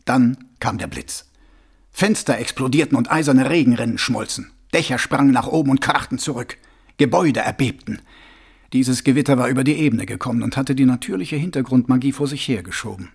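A man reading a novel aloud as an audiobook, with dramatic, expressive storytelling. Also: mid-range voice, a little fast, creaky, slightly rough. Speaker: audiobook narrator. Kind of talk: scripted audiobook narration.

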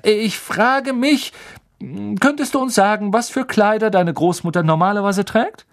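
A man reading aloud and voicing a good-humored, kindly middle-aged male professor who coaxes a nervous pupil in a cheerful, drawn-out way. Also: high voice, voice pushed up. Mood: cheerful coaxing. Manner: cheerful, coaxing, drawn-out questions.

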